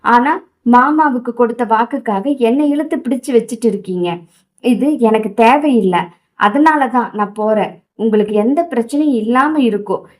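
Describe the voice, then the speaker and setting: A woman voicing a young wife who pleads tearfully and defiantly, in a raised, higher voice. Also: moderate pace, close to an everyday voice. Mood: tearful pleading.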